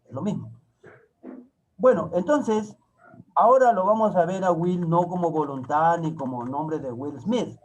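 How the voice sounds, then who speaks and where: A male teacher explains English grammar at an unhurried pace. His voice sits a little high, and he spells out example sentences slowly, one word at a time. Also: poor audio. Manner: slow, repeats and spells out each word of examples. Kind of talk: classroom grammar lesson.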